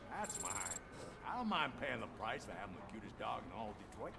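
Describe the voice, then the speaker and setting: An oblivious, earnest citizen in a video game, his voice gravelly and lively in its swings. Clear background noise runs under him. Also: fairly low pitch, fairly quick. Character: naive oblivious citizen with a new dog.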